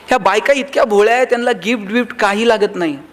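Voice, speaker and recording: High-pitched male motivational speaker who tells funny stories to an audience and acts out the characters in them. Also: fast talker. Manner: humorous storytelling, acting out quoted voices. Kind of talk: motivational speech to a live audience.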